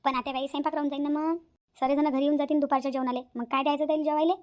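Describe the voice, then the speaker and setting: Lady voicing a grumbly old village mother-in-law, high voice, talks super fast. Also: little pitch movement, a little mellow, dull audio, lightly acted. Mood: scolding. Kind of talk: cartoon voice acting.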